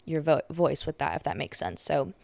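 A young woman in her late teens or twenties with a low voice and a gravelly, fry-laden edge. She hosts a podcast in a loose, chatty monologue, correcting herself as she goes. The sound is dry and close. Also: steady tone, normal speed, darkish tone, dry recording. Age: young adult. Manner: chatty, filler-heavy, self-correcting. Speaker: podcast host. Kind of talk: casual monologue.

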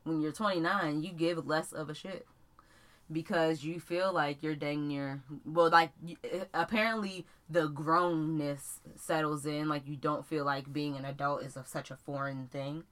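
A woman's voice: low-pitched, steady tone, a little slow, a bit bright. A woman in her twenties co-hosting a podcast, chatting casually with slangy talk and frequent laughter. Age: 20s. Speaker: podcast co-host. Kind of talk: casual chat.

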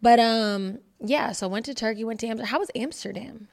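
A woman's voice: fairly high pitch, brisk, gravelly, darkish tone. A woman in her thirties from the Bay Area, co-hosting a podcast in blunt, slangy casual chat. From San Francisco Bay Area, US. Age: 30s. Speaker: podcast co-host.

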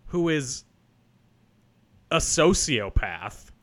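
A man's voice: medium pitch, very animated, very slow. A man co-hosting a podcast, chatting casually as he recaps a movie. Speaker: podcast co-host.

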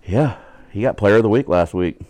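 A podcast co-host with a Southern US accent and a fairly low, darkish voice tells a crude joke in casual chat, swearing freely and straying into rambling asides. His speed is normal.

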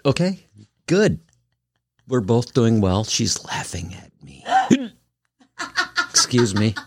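A woman's voice: extremely low pitch, big pitch swings, takes it slowly, darkish tone, breathy edge. A woman co-hosting a podcast in casual chat, wry and dryly teasing, with the hiccups. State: has the hiccups. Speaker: podcast co-host.

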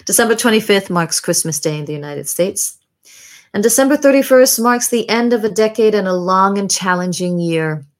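A woman hosting a podcast, reading a scripted monologue in a measured, deliberate way with reflective pauses. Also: medium pitch, lively intonation. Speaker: podcast host. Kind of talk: scripted narration, year-in-review monologue.

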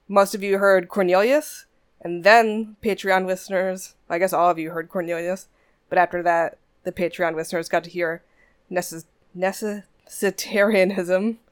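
A woman's voice: on the low side, clear, resonant tone. A woman hosting a music podcast, chatting casually between songs with frequent laughs and asides. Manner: chatty, warm asides, laughs often, restarts.

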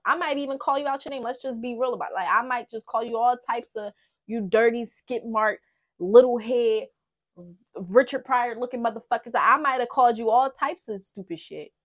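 A woman's voice: fairly high pitch, a bit bright. A woman hosting a podcast, giving blunt, profane relationship advice in a casual, emphatic way, speaking. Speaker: podcast host. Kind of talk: candid relationship talk.

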